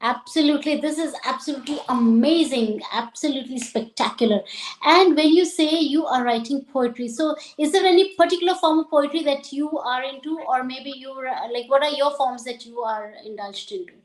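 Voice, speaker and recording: A woman with a high voice hosts a casual interview. She affirms her guest often and repeats his words back to him. The recording carries a roomy echo. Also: a little fast. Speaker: interview host.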